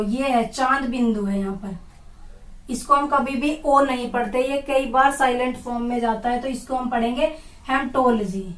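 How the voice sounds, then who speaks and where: A woman teacher giving an exam-prep lesson, asking questions and repeating each term slowly so students say it with her. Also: fairly high pitch. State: dry throat. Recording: echoey room, far from mic.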